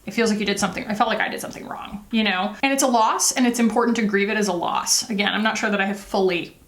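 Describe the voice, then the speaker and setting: Talking fast in a mid-range voice, this woman is a beauty vlogger doing her makeup while she confides in viewers. Her tone is candid and empathetic, with emphatic asides throughout the casual, confessional chat.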